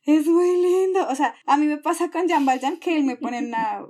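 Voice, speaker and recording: A woman in casual conversation, retelling the plot of a television drama in an animated, gushing way. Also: high-pitched, brisk. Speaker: podcast co-host. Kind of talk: casual chat about a K-drama.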